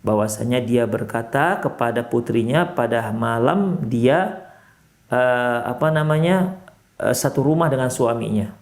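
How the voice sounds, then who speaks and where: A male Islamic preacher from Indonesia with a Medan accent, giving a sermon in a mosque. He talks in an animated way, climbing sharply for emphasis and then dropping low and soft. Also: a little slow. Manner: animated, rises sharply in pitch for emphasis, drops low and soft when counselling.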